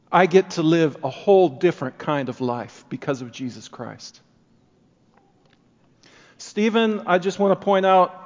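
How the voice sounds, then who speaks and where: Preaching a sermon with earnest conviction, a man with a somewhat high voice lets his phrases swell in force before easing back into quieter passages. The audio is dull and muffled, and a long reverb lingers through the church.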